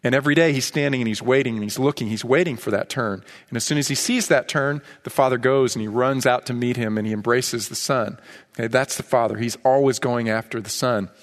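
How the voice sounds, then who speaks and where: A man's voice: mid-range voice, fairly quick, in a large hall. A man preaching a sermon as pastor, emphatic and driving points home by repeating key phrases. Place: church sanctuary.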